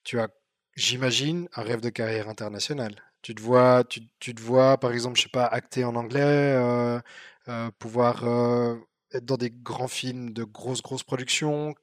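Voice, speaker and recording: A man's voice: mid-range voice, steady tone, normal speed, no echo, clean studio sound. A man hosting an interview, asking long rambling questions in a casual way. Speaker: interviewer, podcast host.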